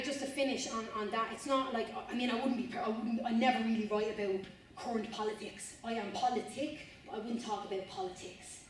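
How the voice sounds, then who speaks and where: This Irish woman, a spoken word artist, talks informally to students indoors at a university, heard from afar in a very echoey room with a little hiss or hum. Her medium-pitched voice is a bit bright. Earnest and rambling, she restarts and repeats phrases, often adding "you know what I mean."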